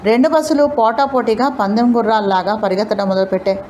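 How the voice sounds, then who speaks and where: A woman narrating an audio novel in an expressive, dramatic storytelling manner. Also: a little high, quick pace, slight background noise, poor audio.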